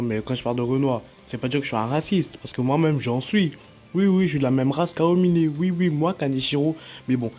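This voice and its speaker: A man's voice: medium pitch, darkish tone. A teenage boy giving a casual, slangy vlog rant, talking straight to his viewers. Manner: chatty, slangy, addresses viewers directly. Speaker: anime YouTuber.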